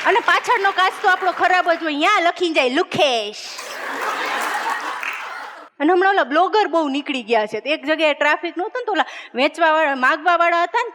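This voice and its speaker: A woman's voice: high-pitched, a bit bright. A woman comedian, telling chatty stand-up jokes and acting out the dialogue of the people in them. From Gujarat, India. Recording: long hall reverb.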